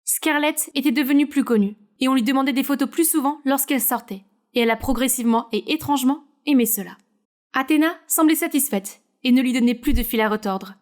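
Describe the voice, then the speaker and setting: A woman narrating a scripted story in a smooth, steady way. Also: high-pitched, fairly quick.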